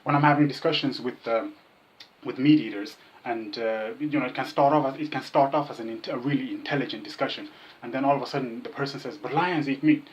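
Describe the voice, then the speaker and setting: This Kenyan man, a vegan activist appearing as an interview guest, talks fast at a medium pitch. He chats casually and jokily, repeating himself and mimicking the remarks of people he argues with. The lo-fi recording sounds dull and muffled.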